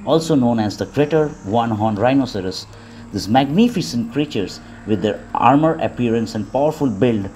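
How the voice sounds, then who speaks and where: A man reading scripted nature documentary narration in a measured, formal way. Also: medium pitch, darkish tone, a little hiss or hum. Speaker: wildlife vlog narrator.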